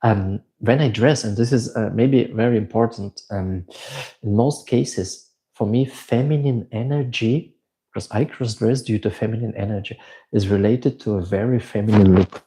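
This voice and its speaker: With a lowish, dark-toned voice at a moderate pace, a middle-aged Swiss man with a German accent hosts a casual live Q&A chat. He reads out viewer questions and answers each at length.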